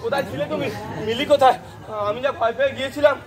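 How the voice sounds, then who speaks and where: High-voiced scheming young man, played by a male actor. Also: fairly even intonation, very fast. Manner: theatrical, declaiming monologues. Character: scheming young man who profits from family quarrels. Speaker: stage actor. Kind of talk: amateur stage play acting. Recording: loud crowd noise.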